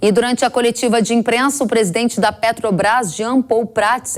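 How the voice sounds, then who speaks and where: A woman anchoring a farm news program, reading the headlines and reports in a measured, formal way. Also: fairly high pitch.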